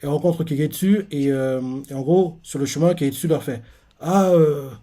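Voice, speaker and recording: Man, casual manga recap, rambling, mellow voice, slightly high pitch. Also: brisk. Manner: rambling, many fillers and restarts, excitable. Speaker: reaction channel host.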